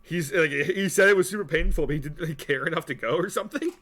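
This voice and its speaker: A man's voice: a little high, quick pace, fairly bright tone. A young man co-hosting a podcast, telling stories in a loose, rambling, profane way with lots of fillers. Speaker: podcast co-host. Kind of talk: casual chat.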